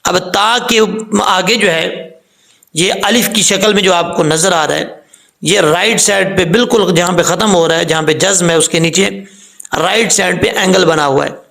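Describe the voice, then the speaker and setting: A man's voice: sits high, normal speed, vocal fry, pushed and bright. A man teaching Quran recitation step by step, patiently correcting common mistakes and spelling out letters and vowel marks. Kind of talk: step-by-step tajweed lesson.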